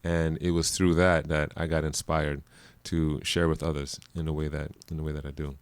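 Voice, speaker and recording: A man from Jamaica with a very deep voice chats casually as a guest, rambling with plenty of fillers and easy laughter. The recording is dry and close. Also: normal speed, smooth, no room sound. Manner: laughs often, relaxed rambling with many fillers. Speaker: musician guest. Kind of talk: casual interview chat.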